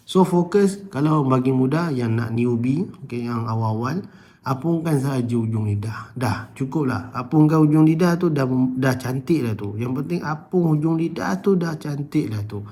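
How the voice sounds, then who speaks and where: A man with a Malaysian Malay accent teaching a tajwid lesson, explaining slowly and breaking into drawn-out, louder chanted recitation of examples. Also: medium pitch, expressive. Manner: addresses listeners as "tuan-tuan", checks with "okey?".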